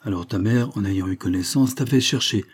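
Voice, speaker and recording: A man's voice: on the low side, brisk, slightly rough. A man reading and voicing a well-meaning male guardian who fumbles through an awkward explanation.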